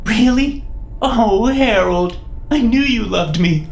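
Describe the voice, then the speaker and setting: A man's voice: high-pitched, lively intonation, slow pace, vocal fry, reverberant, voice pushed up, full character voice. Man doing a tearful pleading widow. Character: weeping grieving widow, desperate and hopeful.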